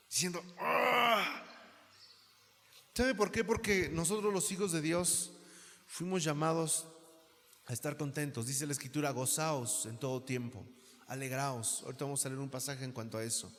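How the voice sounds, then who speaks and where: A man's voice: fairly high pitch, moderate pace. A man with a Mexican accent, a pastor preaching a sermon, asking the congregation rhetorical questions. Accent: Mexican Spanish. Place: church hall. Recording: long reverb of a church hall.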